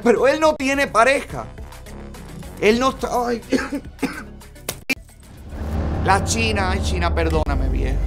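A man's voice: sits high, a bit bright. A man hosting a gossip show, reading private chats aloud and commenting on them in a flamboyant, theatrical way full of exclamations. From Cuba.

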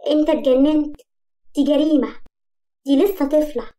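A woman's voice: high-pitched, fairly quick, natural voice. Woman voicing an angry scolding woman. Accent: Egyptian. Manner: loud, scolding. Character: angry, scornful woman of the house.

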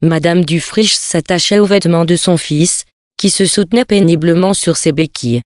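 An audiobook reader narrates a novel from a script in a grave, measured manner. The voice is mid-range, and the recording is dry and studio quality.

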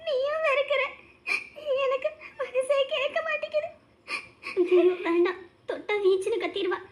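A woman voicing a cheeky, sharp-tongued old village grandmother who teases in singsong rhymes and mutters to herself, speaking with a squeaky, shrill voice.

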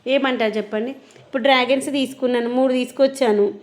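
A woman's voice: high-pitched, steady tone, fast. A woman chatting casually and explaining things to viewers as a vlogger. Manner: explanatory, conversational. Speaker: vlogger and mother.

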